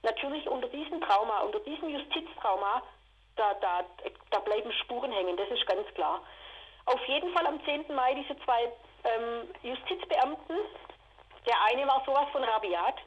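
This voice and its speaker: A woman, telling her own story in an interview, indignant and rushed. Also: a little high, lively intonation, muffled recording. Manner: agitated, indignant, rushed retelling. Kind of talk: emotional personal account.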